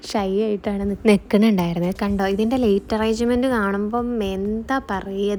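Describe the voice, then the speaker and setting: A woman's voice: mid-range voice, warm tone. Malayali woman vlogger mixing in English, music behind. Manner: mixes English words into Malayalam. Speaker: travel vlogger. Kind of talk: casual vlog narration.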